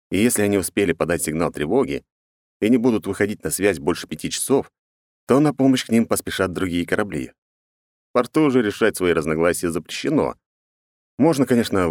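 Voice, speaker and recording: A man narrating a first-person audiobook in a sardonic, deadpan manner. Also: deep voice, dry recording, clean studio sound.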